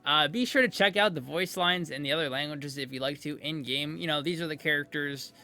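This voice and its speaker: A man with a fairly high, sharp-toned voice speaks briskly while hosting a video. He reacts to game voice lines in a casual, rambling, informal commentary style.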